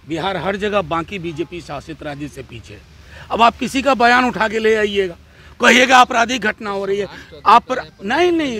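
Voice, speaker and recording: Man, party spokesperson, combative, sarcastic, bright tense voice. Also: sits high, a little hiss or hum. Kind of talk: press statement to reporters.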